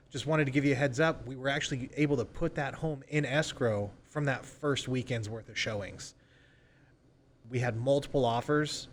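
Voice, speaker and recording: A man with a mid-range voice plays a real estate agent in a relaxed podcast interview, casually explaining and acting out sample sales calls. There's a little hiss or hum in the audio.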